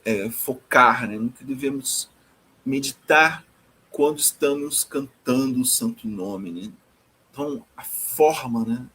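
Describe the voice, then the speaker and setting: A man's voice: mid-range voice, poor audio. A man giving a devotional scripture commentary, tagging nearly every phrase with a questioning "né?" and often repeating words as he searches for phrasing. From Brazil. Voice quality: husky. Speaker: devotional teacher.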